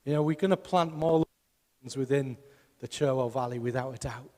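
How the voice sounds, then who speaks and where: A man's voice: medium pitch, normal speed, darkish tone, in a large hall. A man preaching a sermon as pastor, emphatic and putting rhetorical questions to his congregation. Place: church hall.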